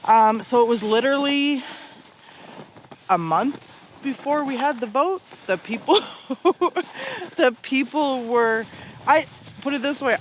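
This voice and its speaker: A man's voice: very high voice, slight background noise, low-quality recording. A man from Alberta with a Canadian accent, giving emphatic, opinionated answers in a conversational interview. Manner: emphatic, opinionated, uses rhetorical questions. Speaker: interview guest.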